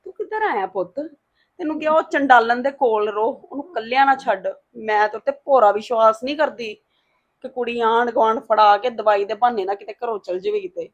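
A woman's voice: fairly high pitch, brisk. A woman playing a worried, pleading mother in an emotional family drama. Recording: dull lo-fi sound.

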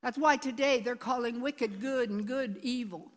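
A woman's voice: on the high side, normal speed. A woman pastor preaching a sermon, reading scripture aloud and repeating words for emphasis. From Canada. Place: church sanctuary. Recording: long reverb of a church hall.

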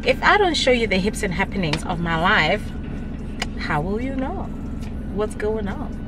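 A young woman chatting casually to a handheld camera for her vlog, animated and laughing between phrases. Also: medium pitch, unhurried, heavy background noise. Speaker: vlogger. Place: gym, kitchen and parked car. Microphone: handheld camera at arm's length. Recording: loud music playing behind her.

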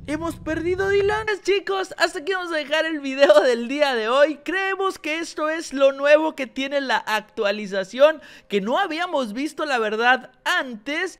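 High-voiced excitable woman gaming host. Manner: excitable, shrieks in alarm at game events; addresses viewers directly. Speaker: mother playing alongside her young child. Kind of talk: let's play commentary.

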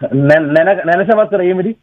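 Agitated, shouting high-voiced man. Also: normal speed, phone-quality sound. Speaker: prank call target.

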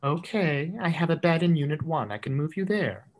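A woman voicing a calm, matter-of-fact female hospital staffer who speaks in a measured way. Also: low-pitched, voice pushed down.

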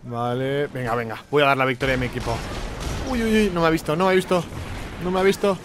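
A young man from commentating his own gameplay, excitable, with sudden shouting bursts and repeated words. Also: fairly high pitch, fast, noisy background. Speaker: gaming YouTuber.

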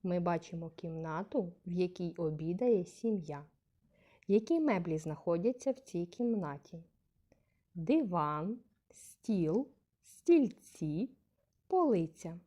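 A woman teaching a young class, slow and patient, saying example words aloud with a rising question tone to stress syllables. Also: lowish voice, dark tone. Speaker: primary school teacher. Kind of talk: scripted lesson narration.

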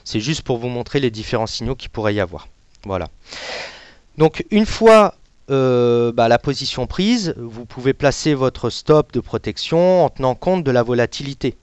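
Guy doing a live software demo, lots of ums and little click noises, dry close mic. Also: medium pitch, animated, moderate pace, clear, resonant tone, dry recording. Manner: casual, hesitant, many fillers and sound words; says he is not an analyst. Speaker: software demonstrator.

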